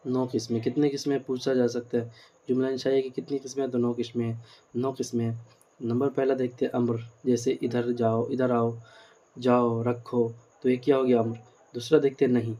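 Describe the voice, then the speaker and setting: Man teaching grammar, dark and flat. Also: mid-range voice, muffled recording. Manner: explains slowly with repeated rhetorical questions; mixes in English words. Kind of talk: grammar lecture.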